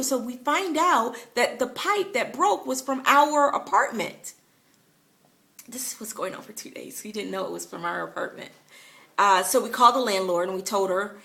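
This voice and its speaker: Bright-voiced woman telling a story. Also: medium pitch. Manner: chatty, many fillers, laughs while telling. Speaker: vlogger. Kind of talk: casual storytelling to camera.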